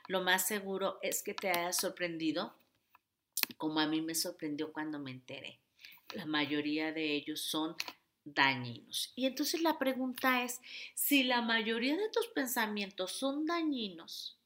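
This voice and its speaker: A woman's voice: mid-range voice, sharp tone. A woman self-help coach giving a motivational teaching talk, speaking expressively and straight to the listener.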